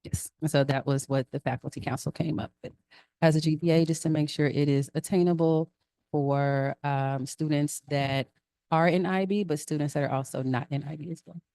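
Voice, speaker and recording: A woman updates a council meeting in a casual, conversational way. Her voice sits low for a woman. The sound is close and dry. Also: steady tone, normal speed, warm tone, no room sound. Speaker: council member giving an update. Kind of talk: meeting report.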